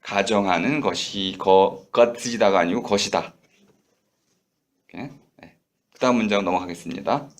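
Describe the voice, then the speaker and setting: A middle-aged male lecturer in a classroom, coaching students through a reading with quick prompts. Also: fairly low pitch. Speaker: university lecturer. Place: lecture room.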